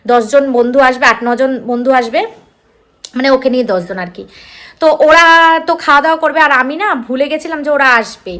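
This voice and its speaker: Quick, high-voiced woman with a Kolkata Bengali accent. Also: a bit bright. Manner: chatty, repeats herself, talks to viewers as friends. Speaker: vlogger. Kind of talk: casual home vlog to viewers. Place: home kitchen.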